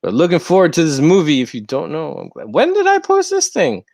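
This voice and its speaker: This young American livestream host chats casually and slangily from a rented room at home, rambling easily. His voice is a little high and a little mellow, with wildly swooping pitch, vocal fry, and a brisk pace.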